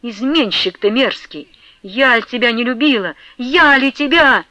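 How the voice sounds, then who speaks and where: A woman's voice: fairly high pitch, expressive, no echo, voice pushed up. A woman doing a shrieking jealous village woman. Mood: furious. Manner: loud, slow, shouting threats. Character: jealous furious village woman, wailing and shrill. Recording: dull, dry lo-fi recording.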